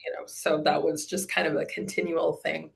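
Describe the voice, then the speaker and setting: A woman's voice: deep voice, level tone, moderate pace, gravelly. A woman in her forties giving a testimonial in a casual interview, rambling with many fillers and restarts. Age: 40s. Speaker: program client giving a testimonial.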